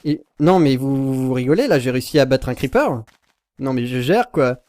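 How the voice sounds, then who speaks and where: A young man commentates his own gameplay at a desktop mic. His voice sits in an ordinary middle register, and his talk is loose and rambling, full of self-corrections and quick yelps of panic. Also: mid-range voice, lively intonation, a little mellow, no room sound. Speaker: Minecraft YouTuber.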